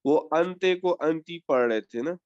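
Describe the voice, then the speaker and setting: A man's voice: on the high side, unhurried, a little mellow, no echo, highs cut off. A man asking polite, hesitant questions as a student in an online class.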